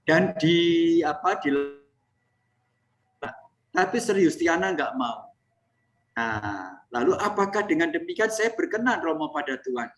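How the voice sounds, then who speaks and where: A man, a priest leading a retreat, explaining with acted-out dialogues and dropping low to close each point. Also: very animated, a little slow, pauses often, a bit bright. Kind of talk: retreat talk answering questions.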